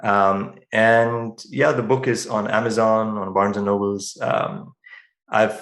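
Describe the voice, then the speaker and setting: A man's voice: lowish voice, flat delivery, slow, fairly bright tone, echoey room. A man as a podcast guest, talking in an earnest, thoughtful way and often restarting his phrases. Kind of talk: reflective interview talk.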